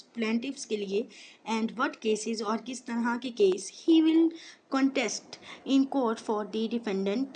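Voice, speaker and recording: A woman law teacher with a Pakistani Urdu accent, reading English legal rules slowly phrase by phrase and explaining each in Urdu, often checking in with "theek hai" and pausing on "uh". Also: fairly high pitch, a little mellow, a little hiss or hum. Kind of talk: line-by-line legal text lesson.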